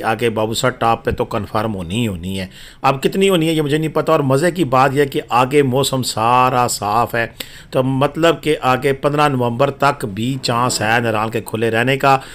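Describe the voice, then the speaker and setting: A man's voice: medium pitch, a bit bright. A man narrating a travel and weather update as a voice-over, chatty and informal, with frequent fillers.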